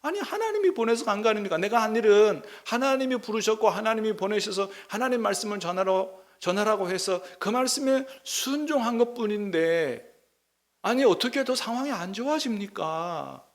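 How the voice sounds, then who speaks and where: A pastor voicing an indignant pleading prophet. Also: male voice, huge pitch swings, normal speed, gravelly, few pauses, full character voice. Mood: exasperated pleading. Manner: exasperated, protesting questions, rising higher and louder. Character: indignant, pleading biblical prophet arguing with God.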